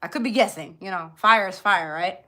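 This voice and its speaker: With a brisk pace and a mid-range voice that comes across pushed and bright, a beauty livestream host chats informally with her viewers during a live tutorial. She was born in Jamaica and grew up in Florida, US.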